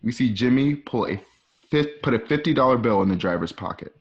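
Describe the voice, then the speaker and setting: In a dull, lo-fi home recording, a man reads scripted scene directions for an online radio drama, occasionally stumbling and correcting himself. He's the narrator of the screen directions, with a mid-range, slightly rough voice, lively intonation and a somewhat fast pace.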